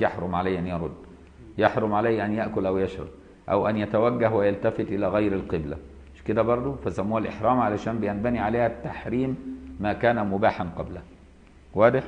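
A man's voice: lowish voice, dull audio. A man with an Egyptian accent teaching Islamic law, reading a line of a classical text and then explaining it in everyday speech, with frequent checks that his students follow.

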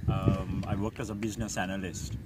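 A man's voice: sits low, flat delivery, brisk, distant mic, very noisy. A man in his forties from Sri Lanka, a pastor, speaking hesitantly with many fillers in an outdoor interview. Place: open hilltop outdoors.

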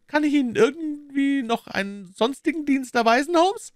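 Brief: vengeful male villain, shrill and furious, audiobook. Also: lively intonation, moderate pace, no echo, studio quality. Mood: sneering. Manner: furious, indignant.

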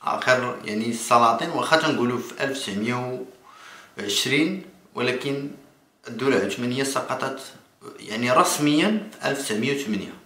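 A man in his thirties with a Moroccan accent, giving spontaneous political commentary to camera in a halting way, repeating and restarting phrases. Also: mid-range voice, expressive, bright, forceful tone. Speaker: political vlogger. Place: small indoor room. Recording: echoey room.

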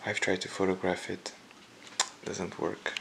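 Hushed low gravelly man exploring. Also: monotone, measured pace, noisy background. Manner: hushed, half-whispered remarks. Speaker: urban explorer. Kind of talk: quiet exploring commentary. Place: dark abandoned house indoors.

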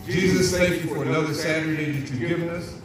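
A man's voice: on the high side, fairly even intonation, quick pace. A man at a church food line, preaching with fervour and saying "amen" again and again. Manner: fervent, repeats "amen". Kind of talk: preaching encouragement. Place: outdoors at a food distribution line. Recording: distant voice, echoey, loud crowd.

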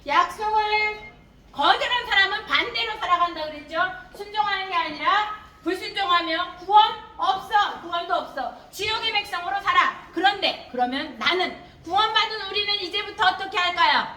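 A very high, bright-voiced older woman teaches children in a lively Sunday school sermon, slipping into little acted-out voices of the kids. Her voice rings through an echoey church room, caught from some way off the mic. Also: moderate pace, recorded from a distance. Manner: lively, acts out children's lines. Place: church hall.

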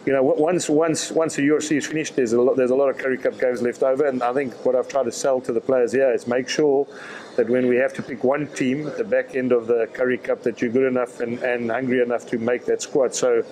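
A man, answering reporters' questions at a post-match press conference in a measured way, often repeating words as he thinks. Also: mid-range voice, fairly even intonation, a little mellow, rough recording. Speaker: rugby director of rugby.

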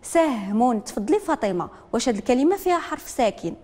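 Moroccan lady teaching literacy, says each word twice slow, lots of reverb. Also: a little high, big pitch swings, a little mellow. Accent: Moroccan Arabic. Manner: dictates slowly, repeats each word, calls on learners. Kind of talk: broadcast classroom lesson.

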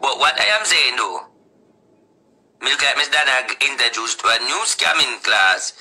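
A man's voice: medium pitch, animated, normal speed, pushed and bright, breathy edge, poor audio. A man with a Jamaican accent, rambling through casual vlog commentary and talking straight to the people he discusses. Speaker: vlogger.

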